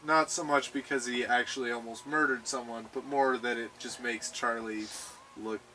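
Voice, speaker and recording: A man's voice: medium pitch, fairly even intonation, moderate pace, crowd noise. A young man co-hosting a casual book discussion, laid-back, summing up the plot with dry humor. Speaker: student co-host. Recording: distant mic, faint room noise.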